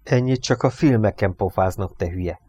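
A man voicing a blunt, gruff male police detective in an audiobook. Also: on the low side, dark tone.

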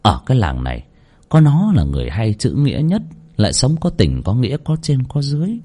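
A man's voice: medium pitch, huge pitch swings, a little fast, mellow. A man reading a horror story aloud in a dramatic, vivid narration.

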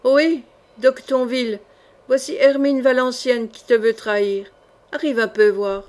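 A woman reading an audiobook, voicing a rowdy nobleman henchman who shouts out to his friends. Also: fairly high pitch, steady tone, unhurried, close to an everyday voice. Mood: shouting. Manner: shouting, raising alarm.

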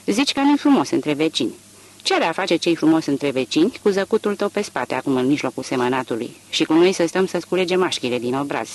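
A fierce farm wife tears into her family with cold contempt, as a male reader puts her on. Her voice climbs high and swings wildly as the scorn builds. The delivery stays sharp and scolding throughout. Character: angry scornful farm wife, middle-aged woman.

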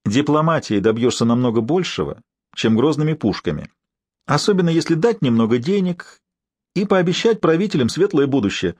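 A male narrator voicing a brisk, cheerfully scolding professor and doctor in an audiobook. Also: fairly high pitch, big pitch swings, a little mellow, breathy edge, dry recording, pitched above the performer's own voice.

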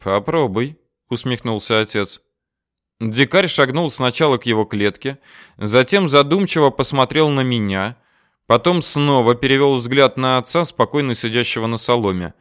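A man reading a first-person audiobook story in an even, measured way. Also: mid-range voice, smooth, no room sound, studio quality. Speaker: audiobook reader.

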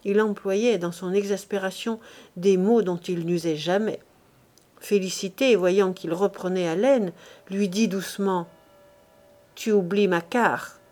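A woman reading a classic novel aloud as an audiobook, in a measured, expressive way. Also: medium pitch. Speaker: audiobook reader. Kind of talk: literary audiobook narration.

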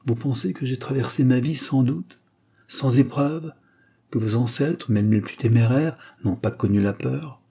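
A man's voice: mid-range voice, unhurried, creaky, mellow, breathy edge, voice pushed up. A man voicing a stern, proud aristocratic father, an aging marquis, in an audiobook, solemn and insistent.

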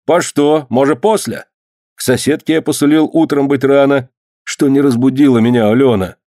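A man voicing a calm, puzzled male folk healer just woken up. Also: medium pitch, moderate pace, no room sound, clean studio sound, pitched above the performer's own voice, close to an everyday voice.

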